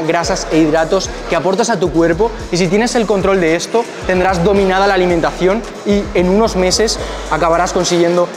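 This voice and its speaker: Young guy fitness coach talking to camera in a gym, fairly high voice, music under it. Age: young adult. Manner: direct, coaching, asks rhetorical questions. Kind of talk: fitness vlog advice to camera. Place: indoor gym. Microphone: small clip-on mic on shirt. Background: background music.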